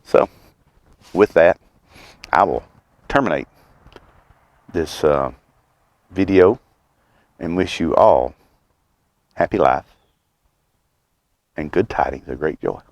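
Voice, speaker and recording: A middle-aged man with a Southern US accent and a deep voice full of gravelly creak. He rambles along in an easygoing, folksy way with dry humor, talking as he puffs on a pipe. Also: dry recording. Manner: folksy, unhurried, wry humor; talks while puffing on a pipe. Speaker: host of a homestead and birdwatching channel. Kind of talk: rambling casual vlog chat. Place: outdoors.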